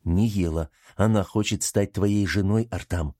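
A man voicing a steady young man who calmly reassures his brother in an audiobook reading. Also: sits low, measured pace, no echo, studio quality. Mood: reassuring. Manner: calm, reassuring.

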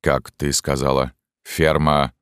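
A man's voice: very deep voice, little pitch movement, slow pace, a bit bright, no room sound, studio quality, heavily acted. A man reading an audiobook plays a stern, bearded army sergeant who asks curt, demanding questions. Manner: gruff, interrogating, curt. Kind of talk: audiobook narration.

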